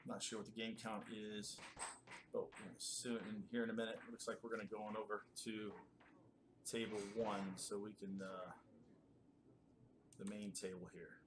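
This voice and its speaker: A man's voice: fairly low pitch, flat delivery, normal speed, pauses often, noisy background. A man, giving casual, chatty live play-by-play commentary with many fillers.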